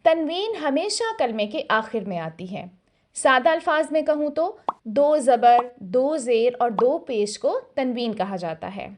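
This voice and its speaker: A woman with an Urdu accent teaching a recitation lesson in a calm, measured way, sounding out syllables slowly and clearly. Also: sits high, noisy background. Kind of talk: scripted tajweed lesson.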